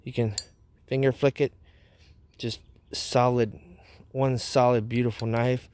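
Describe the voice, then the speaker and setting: A man's voice: medium pitch, flat delivery, unhurried, darkish tone, smooth. A man hosting a casual product review vlog outdoors, talking with a wad of chewing tobacco dip in his mouth. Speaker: knife review channel host.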